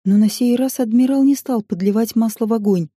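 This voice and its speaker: A woman narrating a science-fiction audiobook in an even, measured reading. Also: a little high, dry recording, clean studio sound.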